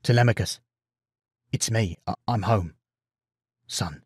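A man voicing a weary, time-worn king who speaks softly and haltingly to his son. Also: medium pitch, breathy edge, dry recording, studio quality, close to an everyday voice. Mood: tender hesitant. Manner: halting, soft, stammering. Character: weary middle-aged king, awkward and emotional father.

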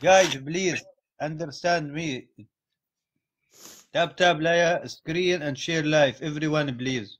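A young man from North Syria, appealing to livestream viewers in simple, halting English, recorded on a phone at home during a video call. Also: fairly high pitch, a bit bright. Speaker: livestreamer asking viewers for support. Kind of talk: live-stream appeal in broken English. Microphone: phone in a live video call.

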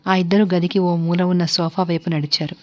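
Low-voiced woman narrating a suspense story. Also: little pitch movement, fairly quick, darkish tone. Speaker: audiobook narrator. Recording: dull lo-fi recording.

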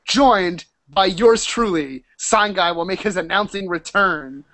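Male host, high-pitched, chatty and excitable, video-call chat show. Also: a little slow, slight background noise.

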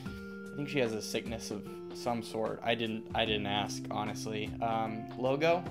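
A man's voice: fairly low pitch, unhurried. Jokey young man hosting, music behind. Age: 20s. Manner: rambling, jokey. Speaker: show host. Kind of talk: casual, joking web news presenting. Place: indoors, facing camera, music behind.

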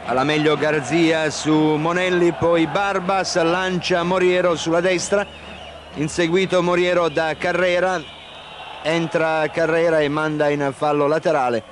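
Even-toned male football commentator, noisy broadcast. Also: fairly high pitch, measured pace. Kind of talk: live TV football play-by-play commentary. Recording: noisy old 1990 TV broadcast.

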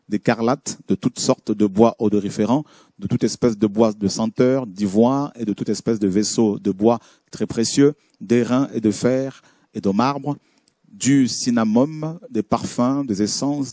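A man's voice: medium pitch, dark tone, no room sound, studio quality. A man preaching a sermon, reading scripture aloud and commenting on images, with frequent fillers and restarts. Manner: hesitant, many fillers and restarts.

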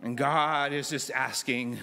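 A middle-aged man preaching a sermon from a church pulpit, acting out dialogue with dramatic swings between loud and soft. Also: mid-range voice, slow pace, creaky. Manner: dramatic, voices God and Moses in lively asides. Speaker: pastor. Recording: long church reverb.

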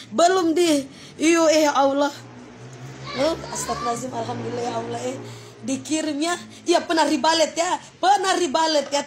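A woman with a Manado Indonesian accent hosting a livestream, thanking viewers for gifts in an effusive, exclaiming way, speaking into a phone. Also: high-pitched. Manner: effusive, exclaiming, breaks into laughter. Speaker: livestream host.

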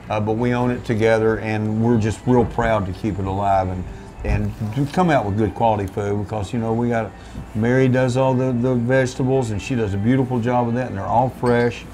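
An older man who owns a small restaurant, telling its history in a relaxed, folksy way with many restarts, seated at a table in a back room. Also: mid-range voice, brisk, slight background noise. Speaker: restaurant owner. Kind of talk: relaxed storytelling interview. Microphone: seated at a table, camera in front.

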